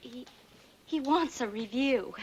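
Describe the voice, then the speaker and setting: Jittery store clerk, high voice, keeps stumbling over her words, old sitcom vibe. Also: muffled recording, slight background noise. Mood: flustered. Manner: nervous, stammering, halting. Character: flustered woman store clerk. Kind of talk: 1960s sitcom acting.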